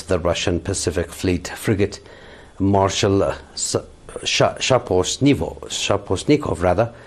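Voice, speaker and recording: A man reading a television news bulletin in a formal, measured way, now and then correcting himself. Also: low voice. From Eritrea. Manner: formal, measured newsreading with occasional slips and self-corrections. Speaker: news anchor.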